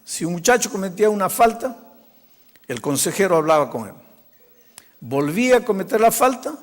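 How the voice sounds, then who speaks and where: Give me a high-pitched male pastor telling a sermon story, animated, in a hall with long reverb. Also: moderate pace. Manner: animated, swinging from loud to hushed. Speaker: pastor, preacher.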